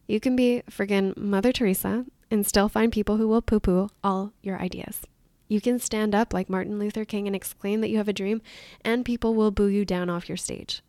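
A woman's voice: medium pitch, warm tone, no room sound. A woman hosting a motivational podcast as a weight loss coach, talking in an upbeat, encouraging way. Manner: upbeat and encouraging, with light laughs.

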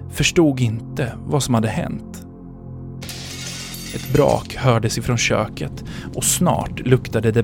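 A man hosting a podcast, narrating a story in a measured dramatic manner. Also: mid-range voice, gravelly.

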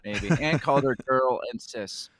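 A man co-hosting a casual news podcast, animated as he chats and acts out what people said. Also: medium pitch, moderate pace, a little hiss or hum. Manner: animated, acts out quoted voices. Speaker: podcast co-host.

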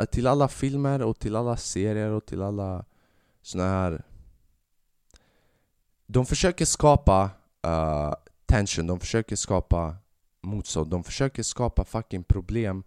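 Podcast host, male, low-pitched, dry close sound, feverish, swears freely while ranting. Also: dry recording. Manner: swearing, rambling, animated rants. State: sick with fever. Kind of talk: casual monologue podcast.

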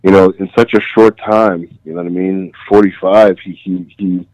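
A man's voice: low-pitched, fairly even intonation, moderate pace, a little mellow, dry recording. A man reflecting on a late friend's legacy on a call, hesitant with many fillers. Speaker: friend sharing memories on a call. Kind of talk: casual conversation. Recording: muffled lo-fi call audio.

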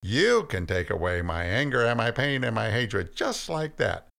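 A man's voice: mid-range voice, big pitch swings, normal speed, vocal fry, fairly bright tone, voice pushed up. Cain, a man voicing a bitter defiant young man. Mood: skeptical, mocking. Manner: sarcastic, heated, insistent. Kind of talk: storybook reading.

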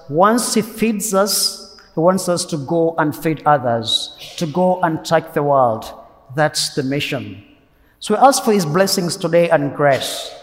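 High-voiced priest in cathedral echo. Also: male voice. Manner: earnest, emphatic, repeats key phrases. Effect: cathedral echo, long church reverb. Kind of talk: Sunday homily. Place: large church. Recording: long echo of a large church.

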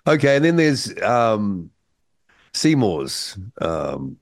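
A man's voice: on the low side, big pitch swings, drawn-out words, vocal fry, no echo, studio quality. A middle-aged or older man with a New Zealand accent, hosting a casual radio interview in an informal, opinionated way. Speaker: breakfast radio host.

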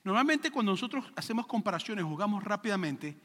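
A male pastor preaching a sermon with lively acted-out quotes and rhetorical questions to the congregation. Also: sits high, fast talker, long reverb tail.

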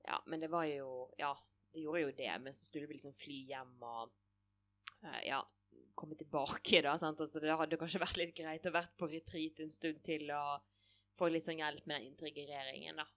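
A woman's voice: sits low, fairly even intonation, fairly bright tone. A woman in casual conversation, speaking reflectively and sometimes playfully acting out her own thoughts. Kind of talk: casual chat.

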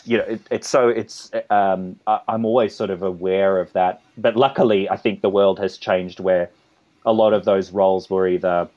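A man's voice: low voice, fairly even intonation, moderate pace, darkish tone, highs cut off. A man with an Australian accent, a composer and conductor talking as a guest in an interview, rambling with many restarts and asides. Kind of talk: conversational interview.

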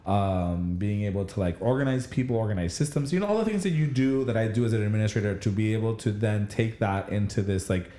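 A man's voice: on the low side, quick pace, few pauses, mellow, reverberant. A man in casual chat, reflective and rambling, with lots of restarts. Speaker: administrator going back to school.

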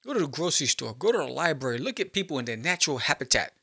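A playful host talks straight to his viewers with a gravelly edge and a bright, pointed tone. His voice sits a little high for a man. He keeps his audience close with constant little checks like "right?". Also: sing-song, racing. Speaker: podcast host and comic artist. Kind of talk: casual solo talk to viewers.

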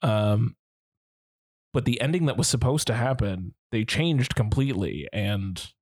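A man's voice: on the low side, lively intonation, unhurried, a little mellow, no room sound, clean studio sound. A man co-hosting a casual movie podcast, talking loosely with swearing and climbing into incredulous questions. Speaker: podcast co-host. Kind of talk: casual chat.

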